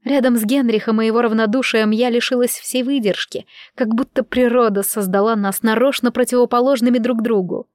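A woman narrating a first-person novel in an expressive reading voice. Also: fairly high pitch, brisk, few pauses, no echo, clean studio sound. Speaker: audiobook narrator.

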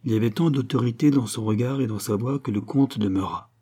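A man narrating a classic novel in a measured, dramatic reading. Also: medium pitch, mellow, slightly rough. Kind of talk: audiobook narration.

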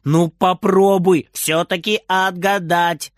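A man's voice: sits high, unhurried, a bit bright, no room sound, studio quality, pitched above the performer's own voice. A man voicing a small playful boy who pesters his grandmother and pretends to be a robot, whiny and eager. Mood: pleading.

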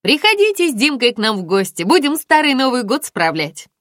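A woman reading an audiobook, voicing a gushing, overwrought young woman friend in a high, rushed voice. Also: big pitch swings, a bit bright, dry recording, studio quality. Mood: overjoyed. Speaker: audiobook reader.

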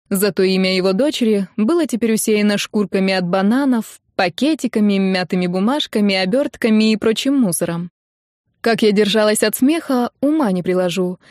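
A woman narrating a comedic first-person audiobook in a wry, lively manner. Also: mid-range voice, no echo, studio quality.

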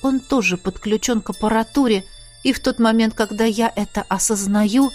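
A woman's voice: a little high, fairly even intonation, normal speed, a little mellow, soft background music. Woman reading an emotional audiobook. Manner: intimate, emotional storytelling. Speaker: audiobook reader. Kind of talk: first-person audiobook narration.

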